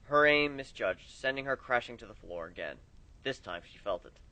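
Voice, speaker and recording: A man reading fan fiction aloud, expressive, his loudness rising and falling with the story. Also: medium pitch, normal speed, poor audio.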